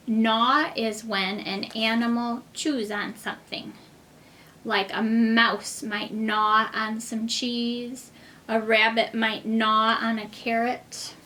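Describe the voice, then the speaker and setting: Slow-talking woman teaching very young children. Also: on the high side, pushed and bright, a little hiss or hum. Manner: simple, deliberate phrasing addressed to small children. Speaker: kindergarten teacher. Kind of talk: children's reading lesson, as if reading to a toddler.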